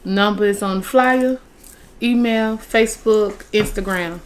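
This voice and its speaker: A woman's voice: medium pitch, unhurried, low-quality recording. A woman co-hosting a podcast in casual chat, giving dry, blunt replies and reading sponsor plugs. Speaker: podcast co-host.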